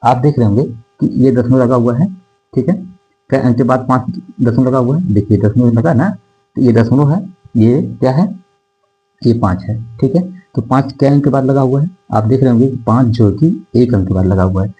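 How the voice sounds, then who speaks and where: A man's voice: medium pitch, mellow, slightly rough, faint music behind, rough recording. A male math teacher explaining decimals to a class, reading out numbers digit by digit and checking in with his students again and again. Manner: repetitive, checks in with "theek hai" constantly; dictates numbers slowly digit by digit. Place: classroom with whiteboard.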